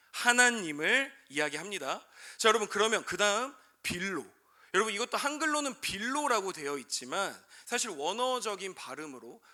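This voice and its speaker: A young man in his twenties preaching a sermon to high school students as a youth pastor. He keeps calling out to his listeners and asks questions that he answers himself. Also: pushed and bright.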